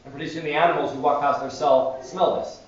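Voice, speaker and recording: A male priest giving a sermon in a church, telling stories with animated energy. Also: on the high side, brisk. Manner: animated storytelling. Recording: distant echoey church, dull sound.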